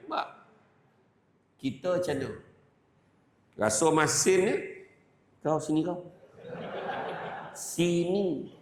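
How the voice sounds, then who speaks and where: A man's voice: fairly high pitch, takes it slowly, pauses often, echoey room, slight background noise. A man with a Malaysian Malay accent giving a humorous religious lecture, telling stories and acting out the characters. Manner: animated storytelling, acts out characters. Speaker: preacher.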